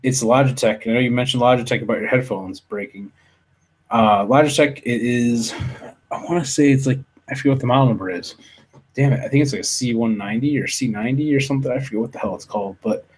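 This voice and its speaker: A man's voice: mid-range voice, quick pace, a little mellow, slightly rough. Guy rambling on his live stream into a desk mic, lots of ums and restarts, cusses a bit. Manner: rambling, full of fillers and restarts, mild swearing. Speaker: livestream show host. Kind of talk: casual live-stream chat. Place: home office. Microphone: desktop USB studio mic.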